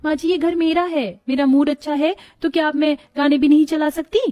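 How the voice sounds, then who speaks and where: A woman's voice: sits high, steady tone, fairly quick, warm tone, lightly acted. A woman voicing a scheming, spoiled young daughter-in-law who scolds sharply in a storybook. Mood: scornful. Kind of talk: storybook voice acting.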